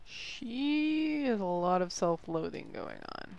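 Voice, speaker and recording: Creaky-voiced woman doing casual gaming commentary. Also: on the low side, very animated, slow pace, a little mellow, lo-fi sound. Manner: flippant, informal. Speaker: video game let's-player. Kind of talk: casual playthrough commentary, reading dialogue choices aloud.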